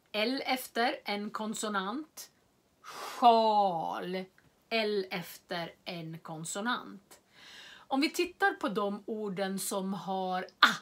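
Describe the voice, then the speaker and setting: A woman giving a slow, clearly spoken language lesson, repeating and spelling out words for learners. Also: medium pitch, fairly bright tone. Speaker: Swedish language teacher.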